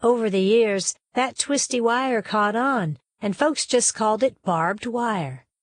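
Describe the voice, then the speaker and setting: A read-aloud narrator, a woman with a slightly high voice, tells a storybook in an expressive, folksy way, stressing key words for dramatic effect. She speaks slowly, and the sound is fairly dry and close, with no echo.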